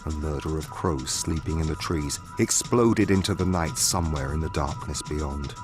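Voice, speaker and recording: This is a man with a very deep voice narrating a scripted horror story. He reads in a steady, measured way, and clear music plays behind him. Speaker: streamer reading horror stories.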